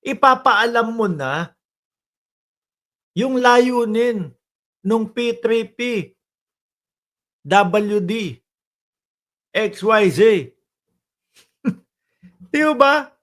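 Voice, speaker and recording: A man's voice: high-pitched, expressive, extremely slow, pauses often, a bit bright. A man giving casual political commentary as a vlogger, in a mocking, chatty way, often calling out to his viewers. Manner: mocking, chatty, addresses viewers as bossing and kababayan.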